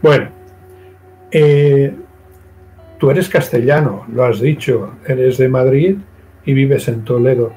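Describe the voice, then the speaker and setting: Halting, soft-spoken male writer guest. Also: medium pitch, soft background music, low-quality recording. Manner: halting, with many fillers and restarts. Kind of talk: casual interview chat.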